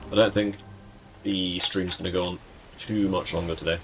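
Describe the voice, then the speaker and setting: Hoarse, rambling man streamer. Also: deep voice, fairly even intonation, moderate pace, background noise. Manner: rambling, muttering to himself, teasing the game's creatures. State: losing his voice, hoarse. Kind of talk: casual gameplay commentary. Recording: music in the background.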